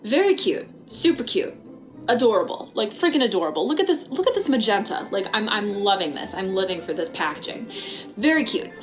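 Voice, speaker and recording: A woman's voice: mid-range voice, expressive, soft background music, poor audio. A woman giving a casual, ranting product review in a chatty way, stressing and stretching words for drama. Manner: chatty, dramatic emphasis with drawn-out, repeated words. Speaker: YouTube host. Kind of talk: casual rant-style product review vlog.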